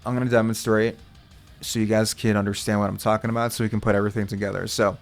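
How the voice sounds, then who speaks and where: Gravelly male vocal coach giving instruction. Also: lowish voice, flat delivery, fast, soft background music. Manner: step-by-step, reassuring explanation. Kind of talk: instructional video talk.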